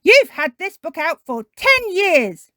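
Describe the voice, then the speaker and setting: A woman voicing a brisk, cheery female rabbit librarian in a children's storybook. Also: very high-pitched, very animated, fairly bright tone, no echo, clean studio sound, pitched above the performer's own voice, heavily acted. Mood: scolding. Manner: brisk, calling out.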